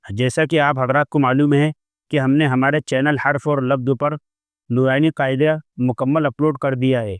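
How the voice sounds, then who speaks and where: A man teaching a Quran lesson, explaining each word plainly and then reciting it slowly with long drawn-out sounds. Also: medium pitch, dry recording.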